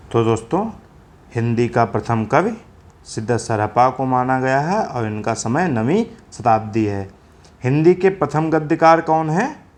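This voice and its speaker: Man teaching a casual exam-prep lesson. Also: medium pitch. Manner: casual, chatty, addresses viewers as friends; repeats answers with frequent filler checks.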